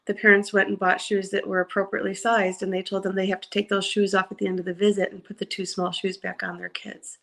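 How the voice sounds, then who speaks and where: A woman's voice: mid-range voice, flat delivery, fast talker, creaky, few pauses, a bit bright. A woman co-hosting a talk show, speaking earnestly with supportive, emphatic phrasing. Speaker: co-host, court watcher.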